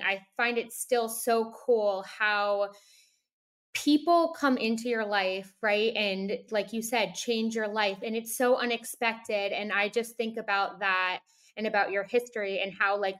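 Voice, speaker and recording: A woman's voice: medium pitch, steady tone, unhurried, fairly bright tone. A woman hosting a podcast, talking enthusiastically and reflecting back on her guest's story. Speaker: podcast host. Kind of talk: casual interview chat.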